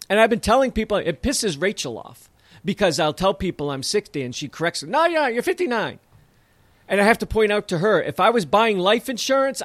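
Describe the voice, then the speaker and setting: A man's voice: high-pitched, fairly bright tone, dry recording. A man in his fifties hosting a podcast, talking bluntly and emphatically and often addressing his listeners as folks. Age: 50s. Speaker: podcast host. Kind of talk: casual podcast monologue.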